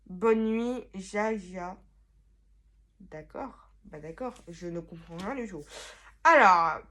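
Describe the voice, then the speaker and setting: Speaking slowly at a medium pitch, a young woman vlogs from her bedroom. She flips through old notebooks, rambling and poking fun at herself, now and then bursting into loud exclamations.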